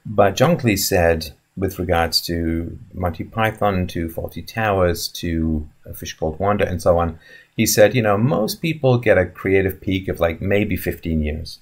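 Low husky-voiced man in his fifties. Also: a little slow. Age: 50s. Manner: musing, rambling, with frequent fillers and restarts. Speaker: live stream host answering chat questions. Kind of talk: casual live stream talk. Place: indoor room in front of a wooden wall.

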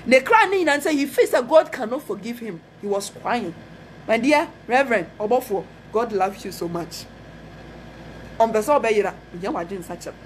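Fervent Ghanaian prophetess, lively high voice. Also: female voice, moderate pace, slight background noise. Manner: fervent, repeats phrases, switches between Twi and English. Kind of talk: preaching message.

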